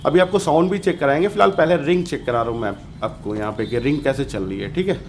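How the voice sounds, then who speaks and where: A fast-talking man with a medium-pitched voice leads a hands-on electronics tutorial for his DIY channel, with slight background noise in the recording. He's casual and colloquial and tends to say things twice for emphasis.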